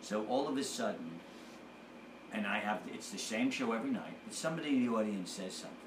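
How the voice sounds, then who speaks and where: A man with a fairly low voice talks through show-business stories at an easy pace, a comedian being interviewed. He slips into other people's voices when he quotes them. The sound bounces around a room, with a clear bed of background noise behind him. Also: lively intonation, echoey room. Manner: unhurried storyteller who acts out quotes. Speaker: comedian guest. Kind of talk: casual interview chat.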